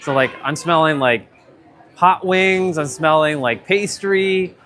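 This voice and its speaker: A man's voice: a little high, takes it slowly, fairly bright tone. A man vlogging a casual walking tour of an outdoor shopping plaza, rambling with many fillers, his voice run through noise cancellation with noise reduction artifacts. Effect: noise cancellation processing with noise reduction artifacts.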